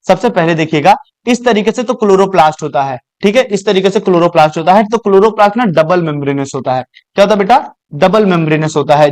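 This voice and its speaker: A man's voice: a little high, dry recording. A male coaching teacher giving a classroom biology lecture, asking questions and answering them himself as he explains to his students.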